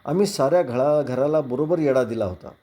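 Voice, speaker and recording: A man's voice: medium pitch, fairly quick, dark tone, lightly acted. A man voicing a nervous village constable who hurriedly explains himself. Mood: flustered.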